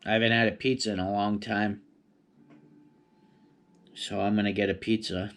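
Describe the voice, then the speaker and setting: A man's voice: fairly low pitch, level tone, moderate pace, a bit bright. A man chatting casually on his own in a rambling, laid-back stoner manner. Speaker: vlogger. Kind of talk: casual solo rambling chat.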